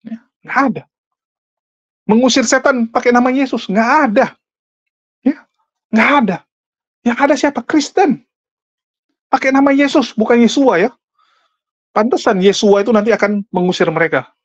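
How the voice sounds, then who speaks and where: A man's voice: sits high, animated, moderate pace, pauses often, dry recording. A man giving argumentative online commentary on a religious dispute, talking straight to his audience and pressing them with rhetorical questions. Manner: combative, fires rhetorical questions at listeners; addresses the audience directly and repeatedly. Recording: dull lo-fi, dry close sound.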